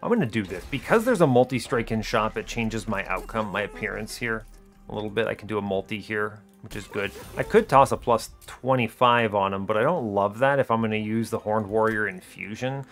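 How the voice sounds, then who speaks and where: Music plays under a man whose fairly low, slightly bright voice is expressive and brisk. As a gaming video host, he gives relaxed strategy game commentary, thinking aloud and doubting his choices while walking through his logic.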